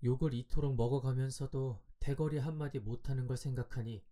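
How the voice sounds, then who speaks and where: A man reads a classic tale aloud for bedtime listening, calm and measured. His voice is mellow and warm, sitting at an ordinary pitch. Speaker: audiobook narrator. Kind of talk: scripted audiobook narration for sleep.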